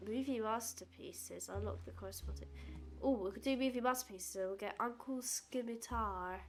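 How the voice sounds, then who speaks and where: A woman's voice: fairly high pitch, moderate pace. A woman streamer with a blocked nose casually commenting on a game, reading menus aloud and cheering at small wins. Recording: stream with game music behind.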